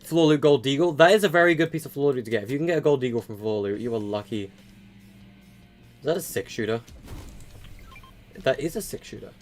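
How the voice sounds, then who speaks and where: Soft background music accompanies an eighteen-year-old man streaming a game, chatting casually with viewers and answering them. His medium-pitched voice moves fairly quickly yet includes long pauses, and his talk rambles with frequent fillers and stutters.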